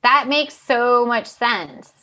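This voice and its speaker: A woman co-hosting a podcast, chatting and reading stories aloud in an animated way with chatty asides. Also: fairly high pitch, takes it slowly. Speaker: podcast co-host.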